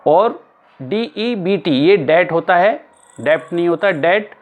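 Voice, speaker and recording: Guy teaching english spelling, spells out each letter slow, kinda high voice. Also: narrow, tinny audio. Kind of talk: explanatory lesson.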